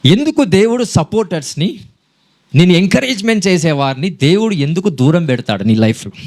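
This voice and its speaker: A man preaching a sermon, quizzing the congregation and mixing in English phrases. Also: sits high. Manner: animated preaching, quizzing the congregation, switching between Telugu and English.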